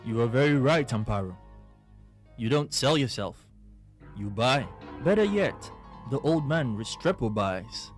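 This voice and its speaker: A man's voice: medium pitch, lively intonation, measured pace, faint music behind, lightly acted. A man dubbing a telenovela, playing a sarcastic older father. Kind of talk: dubbed telenovela acting.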